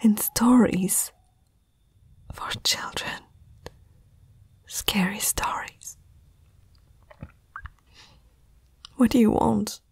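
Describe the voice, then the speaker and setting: An ASMR roleplay performer, a woman, acts a proud yet frightened eighteen-year-old princess confronting a night intruder in a fantasy audio piece. She whispers very breathily, slowly and haltingly, wary and insistent, at medium pitch with a steady tone. The close microphone gives a dry, echo-free sound with a soft, dark tone.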